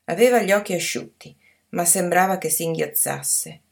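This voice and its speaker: Low, gravelly woman reading a story. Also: normal speed, darkish tone. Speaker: audiobook narrator. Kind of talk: scripted story narration.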